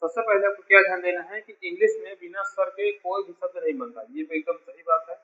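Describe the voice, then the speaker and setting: A man's voice: high-pitched, steady tone, fast talker, phone-quality sound. A man teaching a beginner English lesson, patiently repeating each point and calling his students dear children. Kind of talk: classroom lesson explaining spelling.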